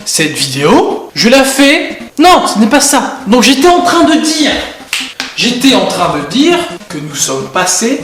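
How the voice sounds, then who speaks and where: Goofy, rambling young man, high voice. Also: wildly swooping pitch, measured pace. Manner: goofy, rambling, jumping from topic to topic; bursts loud at times. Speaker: vlogger. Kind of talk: rambling comedic vlog. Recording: echoey room, faint music.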